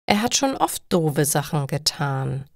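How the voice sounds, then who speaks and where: Storybook role: woman reading as a frank, reassuring young friend, slow and clearly spoken, dry close sound. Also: deep voice, big pitch swings, dry recording, full character voice. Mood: comforting. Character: caring young woman consoling her heartbroken friend.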